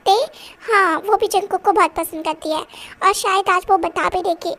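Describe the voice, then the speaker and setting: A performer doing a gentle, soothing young woman. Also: very high voice, normal speed, exaggerated voice. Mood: tender. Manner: calming and scolding gently. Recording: music playing behind.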